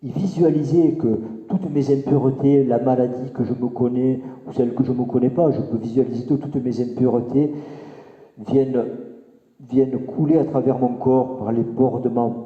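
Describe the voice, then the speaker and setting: A man teaching Buddhist meditation and explaining a healing mantra, gently, with frequent restarts and repetitions. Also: medium pitch, steady tone, moderate pace. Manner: gentle, repeats himself, many restarts. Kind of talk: spoken teaching with mantra recitation. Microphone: microphone. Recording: roomy, long reverb, dull sound.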